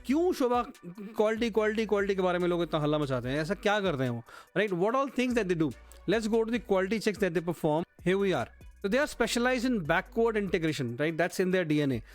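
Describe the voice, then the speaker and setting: A man's voice: sits high, expressive, unhurried, faint music behind. A man, hosting a real-estate channel and presenting slides. He switches between languages and keeps calling his viewers "guys". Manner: code-switching, addresses viewers as friends and guys.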